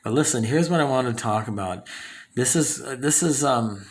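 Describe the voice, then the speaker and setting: A man's voice: medium pitch, animated, normal speed. A man in his fifties from Southern California, hosting his own channel in a rambling monologue full of fillers and restarts. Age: 50s. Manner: rambling, with many fillers and self-corrections. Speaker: channel host. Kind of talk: casual talking-head monologue.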